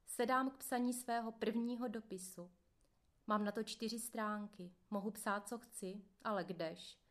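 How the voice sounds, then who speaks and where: A woman narrating a first-person memoir in a steady, earnest manner. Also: mid-range voice. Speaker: audiobook narrator.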